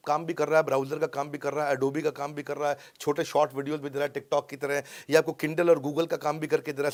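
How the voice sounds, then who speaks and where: Man, middle-aged, lecturer, emphatic, fairly high voice, checks in with listeners. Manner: emphatic, rhetorical questions, frequent "haan?" checks. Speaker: motivational speaker teaching English skills. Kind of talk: energetic Hindi lecture mixing English.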